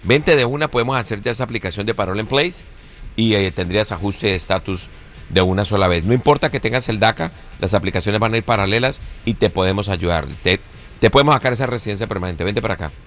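A man giving legal advice on a radio show, with a brisk, confident and reassuring manner. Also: lowish voice, a bit bright, a little hiss or hum. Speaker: immigration lawyer.

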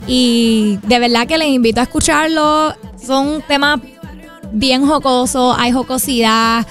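A young Puerto Rican singer-songwriter speaks in an informal, flowing way during a promotional radio interview, her accent clearly Puerto Rican. Her voice is high-pitched and fairly bright, and she takes her time, with faint music in the background.

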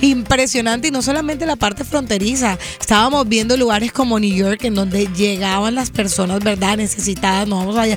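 A woman from Colombia, co-hosting a radio morning show in a lively conversational way. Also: medium pitch, normal speed, few pauses, faint music behind. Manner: lively, conversational, gossipy asides. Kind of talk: chatty radio banter.

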